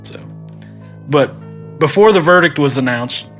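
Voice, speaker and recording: A man's voice: on the high side, lively intonation, unhurried, a bit bright. Podcast co-host, man, easygoing and jokey, faint guitar bed. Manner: jokey, laughing narration of case details. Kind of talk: casual true crime podcast chat.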